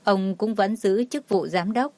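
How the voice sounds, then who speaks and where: A woman's voice: mid-range voice, a little slow, darkish tone, dry recording. Dry-voiced woman narrating a drama story. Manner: reads all the figures herself, barely changing her voice. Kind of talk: scripted narration.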